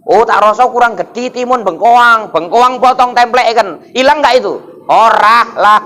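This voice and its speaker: A man's voice: very high-pitched, measured pace, bright, forceful tone. A man, preaching a humorous sermon in a mosque and often calling out to the crowd for replies. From North Sumatra, Indonesia. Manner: jokey, keeps asking the crowd for replies.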